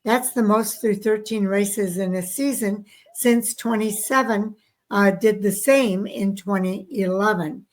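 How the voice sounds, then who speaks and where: On a racing podcast, a Southern-accented co-host casually reads race stats, sounding worn out and yawning. She has a mid-range voice and a measured pace.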